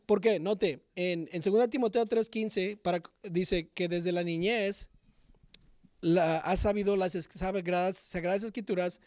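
A male pastor preaching a sermon in an animated, direct way, often asking the congregation rhetorical questions. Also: high-pitched, dry recording.

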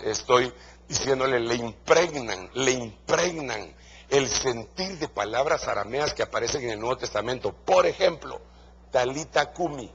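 A man's voice: mid-range voice, fairly bright tone, husky, muffled recording. A man preaching a sermon to pastors in a Guatemalan Spanish accent, stressing his points by repeating key phrases.

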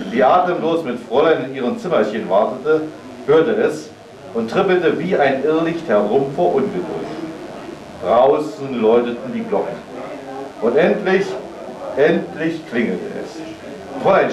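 Brief: male reader telling a Christmas tale at a party, measured and lively, recorded from a distance in a reverberant hall. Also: medium pitch, muffled recording, noisy background. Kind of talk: reading a Christmas story aloud. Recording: roomy sound from far off.

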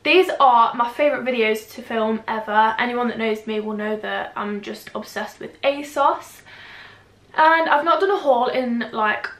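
A woman's voice: on the high side, a little slow, a bit bright. Chatty young woman, echoey room. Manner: chatty, self-deprecating, rambling with fillers. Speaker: fashion vlogger. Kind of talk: casual try-on haul chat. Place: indoor room at home.

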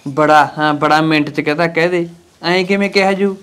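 A scheming husband, played by a man soothes his wife while he plots over the land. His Punjabi-accented voice sits a little high. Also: steady tone, moderate pace, fairly bright tone, clean tone, natural voice. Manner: placating, then scheming.

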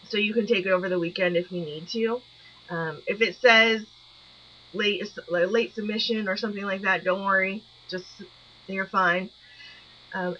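A woman college instructor giving an encouraging, chatty weekly class announcement, recorded on a poor-quality backup microphone. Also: mid-range voice. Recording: dull lo-fi backup mic with mains hum.

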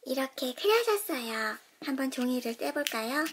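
A woman's voice: high voice, big pitch swings, normal speed, slight background noise. A woman narrating a toy unboxing for children, gushing with delighted exclamations and explaining each step in a sing-song, kid-friendly way. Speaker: toy unboxing channel host.

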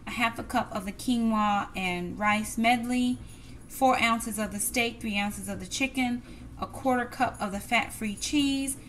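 A middle-aged woman who runs a cooking vlog cooks in her home kitchen and chats casually to viewers, whom she calls "y'all." Her voice is on the high side, a bit bright and a little slow, with a touch of hiss or hum. A camera on the counter records her amid the clatter of dishes, pans and cutlery.

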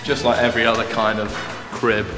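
A young English man co-hosting a comic tour, adding quick agreeing asides and dry jokes. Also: lowish voice, level tone, over music. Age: young adult. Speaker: student co-host. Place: large echoing dining hall and stone cloisters.

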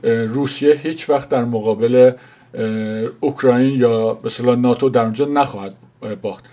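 A man in his sixties with an Iranian Persian accent, giving informal news commentary to camera in a halting way with frequent pauses and fillers. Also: mid-range voice, mellow.

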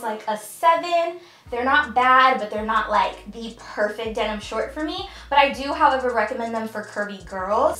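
A woman's voice: a little high, fairly bright tone. Chatty young woman in an echoey room. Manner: chatty, upbeat, addresses viewers as you guys. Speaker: fashion vlogger. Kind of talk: try-on haul commentary.

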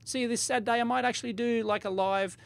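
An Australian man in his forties talks straight to camera as a video blogger. He is upbeat and animated, delivering a giveaway announcement informally, as if off the cuff. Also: very high voice, fast talker, vocal fry, clean tone. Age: 40s. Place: small indoor home lab studio with foam panels. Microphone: desktop microphone in front of him.

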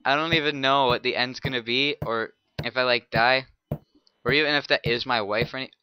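A young man giving let's play commentary on a horror game, excitable, jumping from mutters to shouts and creepy whispers. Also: medium pitch, fairly quick, slight background noise. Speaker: gameplay commentator.

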